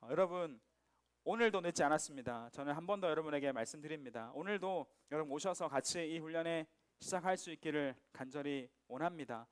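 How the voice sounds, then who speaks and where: A male pastor giving a sermon to a youth congregation, with a noticeably high speaking voice. He preaches in a lively, conversational manner. He jokes and keeps turning to his listeners with questions. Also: fairly quick, clear, resonant tone. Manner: lively, joking, asks the audience questions. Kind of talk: sermon to teenagers.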